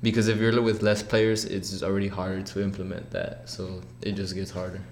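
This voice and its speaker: Young man in his twenties, low voice, flat delivery, relaxed, rambling, faint background hum. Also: brisk. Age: 20s. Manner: relaxed, rambling, laughs easily. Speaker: guest, college soccer player. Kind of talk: casual interview chat.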